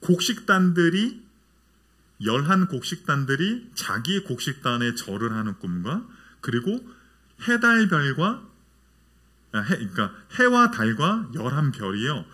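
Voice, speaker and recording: A man's voice: mid-range voice, very animated, measured pace, bright, forceful tone. A man in his thirties preaching a sermon as a church pastor, often asking the congregation questions. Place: church sanctuary.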